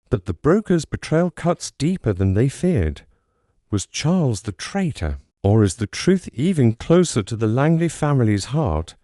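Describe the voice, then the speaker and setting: Male storyteller, slow and dramatic, mellow tone, dry close sound. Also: mid-range voice, no room sound. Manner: dramatic, suspenseful reading. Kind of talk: scripted story narration.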